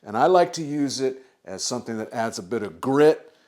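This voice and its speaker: A man's voice: medium pitch, normal speed. Man telling a story, then demoing pedals. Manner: animated storyteller acting out quotes. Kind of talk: casual storytelling and gear demo.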